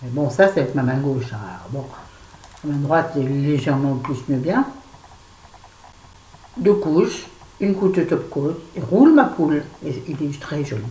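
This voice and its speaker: Chatting frankly to camera at home during a casual unboxing, a vlogger in her fifties speaks in a dark bass voice, animated yet a little slow, with long pauses. She rambles, mocks herself, and comes across as stressed and irritable, in an echoey room with faint ambience.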